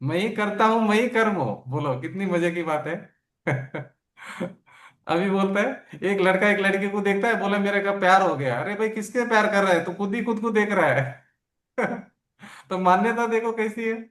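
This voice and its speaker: A man giving a spiritual scripture lesson, explaining slowly and asking his listeners questions, with homely examples. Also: sits high, fairly bright tone, echoey room. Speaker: spiritual teacher.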